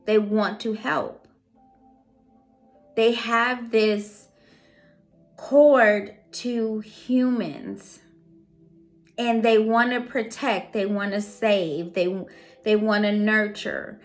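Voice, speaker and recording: A woman's voice: mid-range voice, extremely slow, pauses often, soft background music. A woman who does readings, talking earnestly and casually to her audience, repeating phrases for emphasis. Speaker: psychic reader and host. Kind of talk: casual motivational talk.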